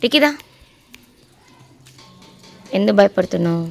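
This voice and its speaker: A woman's voice: medium pitch, animated, a little slow, creaky, faint music behind. A woman, chatting and teasing her pet dogs in a casual vlog. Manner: teasing, doting talk to dogs.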